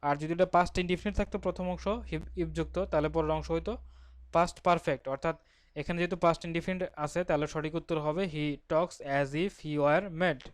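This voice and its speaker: A man with a Bangladeshi Bengali accent teaching an exam-prep grammar lesson, explaining step by step, asking and answering his own questions, and reading English example sentences slowly. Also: fairly high pitch, fairly even intonation, clean tone, no room sound.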